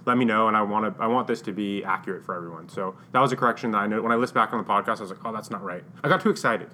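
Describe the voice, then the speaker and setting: Fast-talking, joking man co-host. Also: on the low side, sharp tone, slight background noise. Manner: joking and teasing. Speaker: podcast co-host. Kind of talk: casual podcast chat.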